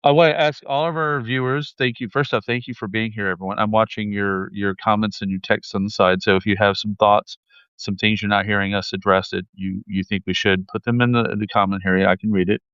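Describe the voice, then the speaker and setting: A man's voice: on the low side, steady tone, brisk, fairly bright tone, clear, resonant tone, dry recording. A man hosting a live show, speaking directly to viewers and inviting their comments before questioning his guest. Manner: friendly, addresses viewers directly. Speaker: host. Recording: slightly dull lo-fi sound.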